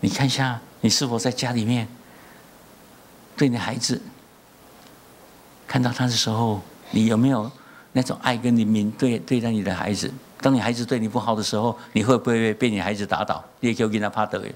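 A middle-aged man from Taiwan with a Taiwanese accent, preaching a church sermon as pastor and telling family stories in a lively way. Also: lowish voice, brisk, a little hiss or hum. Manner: animated storytelling, acting out family dialogue in raised voices.

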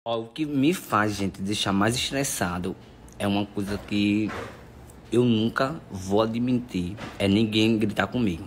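A social media influencer in his 20s answers follower questions in a casual selfie Q&A, chatting playfully and affectionately. He holds his phone at arm's length as he moves around his home's bedroom and kitchen. His voice is lowish, with a little hiss or hum in the recording.

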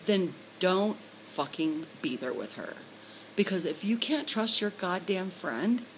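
A woman's voice: medium pitch, slight background noise, low-quality recording. A middle-aged woman, a trucker's wife, ranting bluntly and profanely to her phone camera at home. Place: home room indoors. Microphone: phone camera held close.

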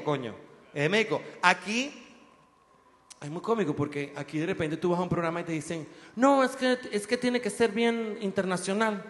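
High, bright Venezuelan comic in a hall. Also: male voice. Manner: crude, mocking, animated storytelling. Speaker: stand-up comedian. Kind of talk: stand-up comedy routine.

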